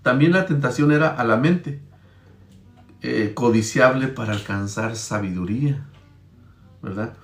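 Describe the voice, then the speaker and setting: A man's voice: mid-range voice, measured pace, long pauses, reverberant, faint music behind. A man preaching, retelling Bible stories in a conversational, storytelling way and checking in with his listeners. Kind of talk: Bible-teaching sermon.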